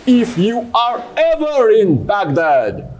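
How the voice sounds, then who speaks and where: A man's voice: high voice, big pitch swings, slow pace, heavily acted. A man voicing a self-important sailor adventurer in a theatrical puppet show, grandly speaking of himself in the third person. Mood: grateful. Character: dramatic adult male sailor adventurer puppet, self-important, prone to despair.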